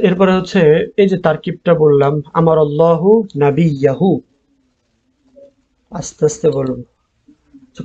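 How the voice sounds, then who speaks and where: A man with a Bangladeshi Bengali accent teaches an online Arabic class, slowly drilling word forms and repeating them. His voice is a little high with a dark tone, and the audio is dull.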